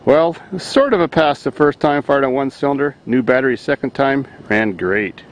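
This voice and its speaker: A man's voice: mid-range voice, moderate pace. A man from Canada, talking casually and jokily while walking around his farm, recorded on a handheld camera mic. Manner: rambling, jokey, deadpan. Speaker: vlogger. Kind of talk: casual vlog walkthrough. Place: outdoors on a farm.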